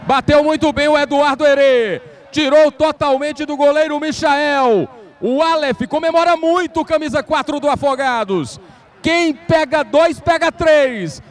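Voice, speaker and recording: A man's voice: very high-pitched, a little slow. A Brazilian man commentating on live football, analysing each penalty kick.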